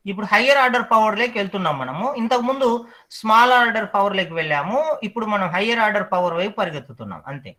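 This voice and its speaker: Male teacher, high voice, online class, repeats each term slowly for students. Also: animated, sharp tone, rough recording.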